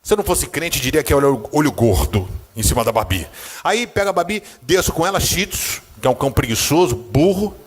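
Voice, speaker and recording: A man preaching in a church with a Brazilian Portuguese accent, telling a personal story, acting out the scenes and swinging from a low murmur to high, excited bursts. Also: fairly quick, breathy edge. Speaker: pastor.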